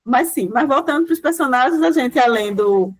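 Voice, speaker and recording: Her voice sits high with lively intonation at a normal pace as she guest-lectures an online class over a video call. The project coordinator rambles through her explanation, restarting often and tagging lines with "né."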